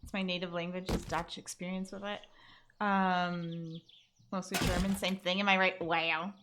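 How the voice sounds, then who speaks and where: A woman with a lowish, level voice streams a survival game at a moderate pace, chatting casually and rambling with lots of fillers. Loud background noise and clicks fill the recording.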